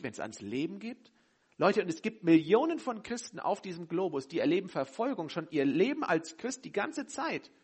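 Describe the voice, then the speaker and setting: A man preaching a sermon, emphatic and direct, swinging between loud urgency and quiet intensity. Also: high-pitched, breathy edge.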